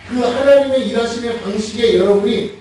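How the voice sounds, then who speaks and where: Animated high-voiced pastor in echoey hall. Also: male voice, a little fast. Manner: animated, asks the congregation questions, laughs while mimicking. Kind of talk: sermon. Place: church sanctuary. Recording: echoey church hall, mic far off.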